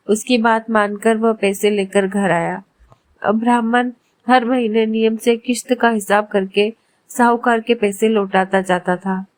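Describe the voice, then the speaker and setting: A woman calmly and reverently narrating a devotional religious story. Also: medium pitch, no echo.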